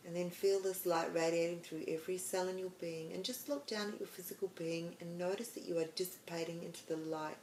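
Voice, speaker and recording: A soft-spoken Australian woman leads a guided meditation, her slow, soothing voice sitting a little low. The room sounds roomy and open, with a faint ambience underneath. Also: fairly even intonation, a little hiss or hum. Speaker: meditation podcast host.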